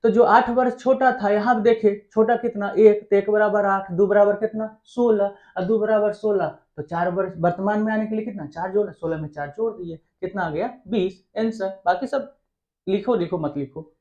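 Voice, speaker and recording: A man's voice: high voice, steady tone, normal speed, darkish tone, muffled recording. A man teaching an exam-prep math lesson. He keeps asking the class questions and answering them himself in a chatty, coaxing way.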